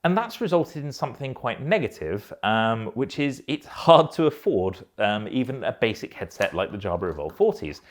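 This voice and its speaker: In a headset review that sounds scripted, a man explains features with measured care. His delivery is that of a prepared reviewer, his pitch shifting up and down animatedly.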